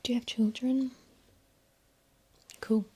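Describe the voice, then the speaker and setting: A woman in an ASMR role-play as a sassy librarian, speaking in a breathy library soft voice. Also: on the high side, level tone, takes it slowly. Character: sassy female librarian pushing books on a visitor.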